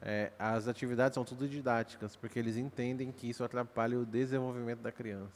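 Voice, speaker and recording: Joking Brazilian pastor hosting a podcast. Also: male voice, medium pitch, fairly even intonation, fast talker, slight background noise. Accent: Brazilian Portuguese. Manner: chatty and joking, slangy. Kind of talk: casual podcast conversation. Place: church studio, recorded at night.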